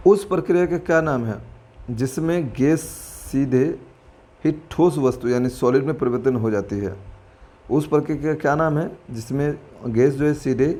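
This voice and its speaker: A man's voice: mid-range voice, unhurried, darkish tone. A man teaching exam-prep lessons, talking informally to viewers as friends, thinking aloud and correcting himself, and mixing in English terms. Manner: chatty and informal, addresses viewers as friends and brother; mixes in English terms while explaining. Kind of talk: exam-prep lesson walking through quiz questions.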